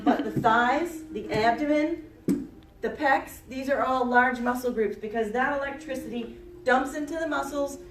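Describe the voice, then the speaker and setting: A woman giving a chirpy, animated trade show product pitch, instructing listeners and often checking in with them. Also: background noise. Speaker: self-defense product demonstrator. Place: indoor expo event. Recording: echoey room, distant mic.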